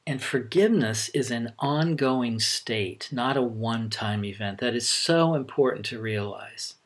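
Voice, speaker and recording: A middle-aged man giving a sermon as a pastor, speaking conversationally with frequent halting pauses. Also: medium pitch.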